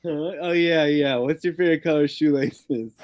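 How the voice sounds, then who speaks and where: A man's voice: a little high, moderate pace, a little mellow, dry recording, studio quality. A man chatting playfully on a stream and asking the others silly questions. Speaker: stream participant. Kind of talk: casual chat.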